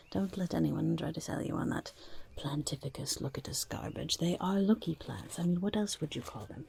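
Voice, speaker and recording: A woman voicing a shifty, boastful goblin merchant in a breathy, raspy whisper for an ASMR roleplay, with stammering sales patter. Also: on the low side, dark tone, heavily acted. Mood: boastful, eager. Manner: speaks of self in third person, stammering sales patter. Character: shifty, flustered, boastful goblin market vendor.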